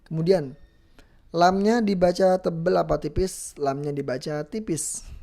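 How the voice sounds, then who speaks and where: A Quran recitation teacher giving a tajwid lesson. The teacher explains the letters patiently, repeats each sound slowly, and chants drawn-out recited examples. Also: medium pitch, fairly even intonation, creaky, warm tone.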